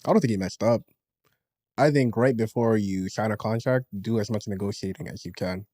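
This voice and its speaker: A man's voice: on the low side, fairly quick, warm tone, no room sound, clean studio sound. A man co-hosting a podcast in casual chat, slangy and easygoing, dropping "yo" and "fam" as he argues his side. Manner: slangy, peppers talk with "yo" and "fam". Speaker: podcast co-host.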